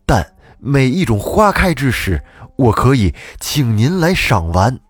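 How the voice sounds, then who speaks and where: A man voicing a gentle old male gardener who mourns his ruined flowers, speaking slowly and mournfully. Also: medium pitch, sing-song, breathy edge, no room sound. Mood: pleading. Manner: mournful, slow, quavering.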